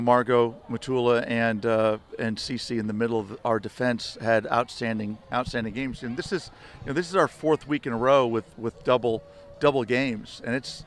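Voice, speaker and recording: Older guy coaching soccer, talks kinda flat and monotone, lots of "you know" restarts, outdoors at night on the field. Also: medium pitch. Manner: rambling, many restarts and "you know" fillers. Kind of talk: postgame media interview. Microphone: handheld reporter mics held close.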